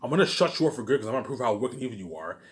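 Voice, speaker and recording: A very animated man with a medium-pitched voice speaks rapid-fire as a vlogger addressing his viewers. His rambling monologue is emphatic, repetitive, profane and accusatory, broken up by muttered tag words.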